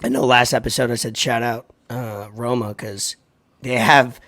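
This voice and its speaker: A man in his thirties with a raspy, hoarse voice, hosting a sports podcast in a halting, informal chat. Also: mid-range voice, fairly even intonation, fairly bright tone. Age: 30s. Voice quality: raspy, worn voice. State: hoarse from partying.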